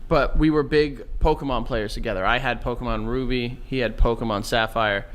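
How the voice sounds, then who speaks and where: A man co-hosting a podcast, telling stories casually in an excitable, protesting way. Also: medium pitch, a little fast. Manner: excitable, protesting, loud bursts. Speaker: podcast co-host. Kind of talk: casual storytelling chat.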